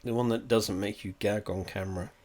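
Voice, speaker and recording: A man's voice: on the low side, steady tone, brisk, darkish tone. A man, stuffed up and coughing, giving a meandering, profane, wry review at home. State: congested, coughing. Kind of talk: rambling casual review. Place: at home indoors.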